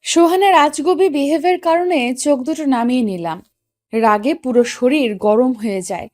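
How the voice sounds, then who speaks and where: A woman's voice: high-pitched, moderate pace, darkish tone, dry recording, natural voice. A woman narrating and playing a young wife who tells the story in first person, earnest and questioning, for a Bengali audio story. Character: young wife, hurt and puzzled.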